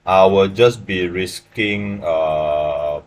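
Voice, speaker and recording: Deep-voiced Malaysian man explaining trades live. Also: very slow. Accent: Malaysian English. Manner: casual, explanatory, checks in with "right?" often. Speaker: livestream forex trader. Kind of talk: live trading stream commentary. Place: small room indoors.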